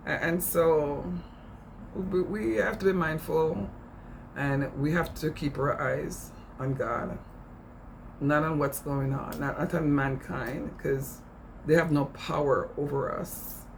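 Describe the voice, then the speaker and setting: A middle-aged man speaks with a Jamaican accent in a slightly high, creaky voice. His commentary is informal and impassioned, with earnest repetition for emphasis. Faint noise sits behind him. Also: fairly even intonation, slow pace, rough recording. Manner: earnest, emphatic, repeats phrases for stress. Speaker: speaker on immigration issues.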